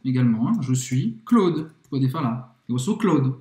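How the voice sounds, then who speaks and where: French-accented woman teacher, roomy sound. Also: rumbling low. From northern France. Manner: lively, with slow model pronunciations. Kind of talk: explanatory language lesson.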